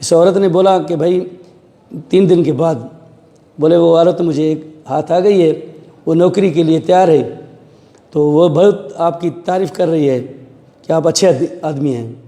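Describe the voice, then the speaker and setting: A man's voice: on the high side, unhurried, pauses often, warm tone. A middle-aged man, a police officer, telling an interviewer what happened and acting out the voices of the people he quotes. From Pakistan. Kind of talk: recounting events in an interview. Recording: echoey room with long reverb.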